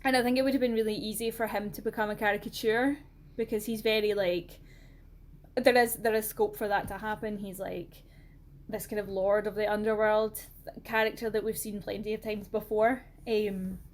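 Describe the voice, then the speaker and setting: A woman's voice: medium pitch, flat delivery, normal speed, a little hiss or hum. A Scottish woman co-hosting a podcast, chatting expressively about film. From Scotland. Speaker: podcast co-host. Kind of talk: casual film discussion.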